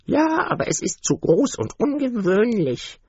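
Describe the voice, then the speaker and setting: A man voicing a spiteful female duck of the farmyard, with a high, squawking, scornful storybook voice on a dull, dry recording. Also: very animated, measured pace, a little mellow, slightly rough, dry recording, full character voice.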